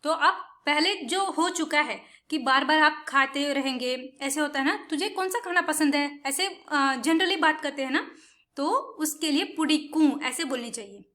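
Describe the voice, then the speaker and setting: A woman's voice: high voice, measured pace, sharp tone. A woman explaining a spoken language lesson patiently, often stopping to check in with the listener. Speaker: Tamil language teacher.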